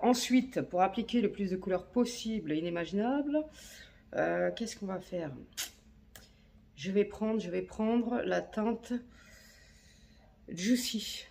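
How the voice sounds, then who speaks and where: A woman's voice: lowish voice, gravelly, darkish tone. A woman chatting casually while filming a makeup tutorial on her phone, slangy and talking to herself as she works. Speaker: beauty vlogger. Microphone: phone camera.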